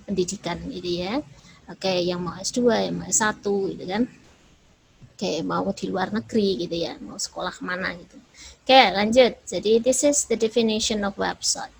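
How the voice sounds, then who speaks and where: A woman's voice: mid-range voice, creaky, slight background noise, rough recording. A woman English teacher with an Indonesian accent, lecturing in a chatty way and ending many phrases with small tag words. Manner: chatty, repeats "ya" and "gitu kan" as tags.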